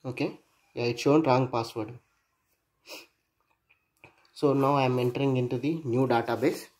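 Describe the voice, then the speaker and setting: Speaking at medium pitch with a steady, slightly mellow tone, a man narrates an electronics demo at his workbench indoors. He pauses and hesitates as he thinks aloud, spelling out numbers and letters as he works.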